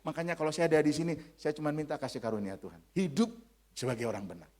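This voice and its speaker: A man in his thirties preaching a sermon in a church, forceful, dropping to hushed lines and rising to shouted ones. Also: fairly high pitch, expressive, racing. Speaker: pastor. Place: church sanctuary.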